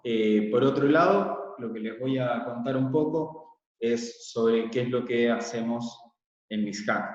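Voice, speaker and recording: Israeli-born guy running an online workshop, calm, lots of "eh", sounds far from the mic in a very echoey room, kinda muffled. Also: lowish voice. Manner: calm, explanatory, with frequent "eh" fillers. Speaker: workshop facilitator. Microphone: laptop mic on a video call. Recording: echoey, distant, dull video call audio.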